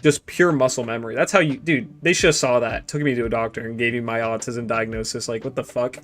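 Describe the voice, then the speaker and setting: With faint music behind him, a young gaming streamer in his twenties talks quickly in a mid-range, fairly bright voice with fairly even intonation. He chats casually as he plays, rambling, making crude jokes, and often muttering off.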